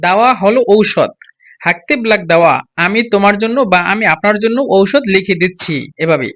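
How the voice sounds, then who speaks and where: A man teaching a spoken language lesson, repeating each phrase slowly and urging listeners to copy his pronunciation. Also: sits high, a bit bright. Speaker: Arabic teacher.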